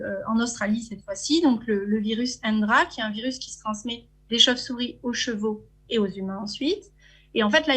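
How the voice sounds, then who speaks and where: A woman's voice: on the high side, husky. A woman with a French accent giving an academic conference talk from slides, hesitant, with frequent fillers and restarts. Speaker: conference speaker.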